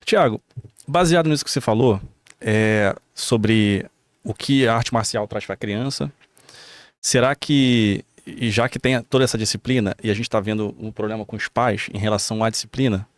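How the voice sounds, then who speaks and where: A man with a Brazilian Portuguese accent hosting a podcast, asking measured follow-up questions. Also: on the low side, no echo. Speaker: podcast host. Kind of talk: interview questions.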